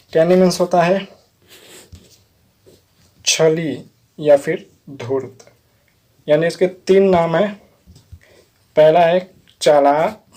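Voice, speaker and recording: A man's voice: on the high side, mellow. Patient man spelling out English words. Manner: repeats "theek hai" often. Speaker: teacher. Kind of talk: vocabulary lesson.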